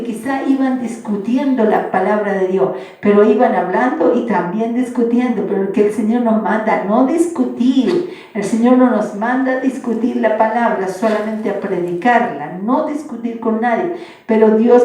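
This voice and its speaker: A woman pastor preaching a sermon at a slow pace, repeating her phrases and acting out the questions she quotes. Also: medium pitch, dark tone, heavy reverb, far from the mic, rough recording.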